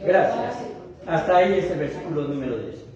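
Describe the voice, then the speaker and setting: A man with a Mexican accent preaching a sermon to his congregation, drawing out key words slowly and checking in with them often. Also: fairly high pitch, big pitch swings, very noisy. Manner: addresses the congregation, often tags "¿verdad?"; slow, emphatic phrasing of key words. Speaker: pastor. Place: church sanctuary. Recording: very echoey hall, mic at a distance, dull sound.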